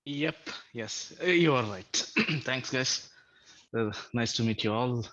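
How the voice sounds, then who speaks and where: A man's voice: mid-range voice, lively intonation, slow, a bit bright, dry recording. A man from Latvia introducing himself on a video call, hesitant with many fillers. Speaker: community organizer. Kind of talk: casual video call chat. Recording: dull, muffled call audio.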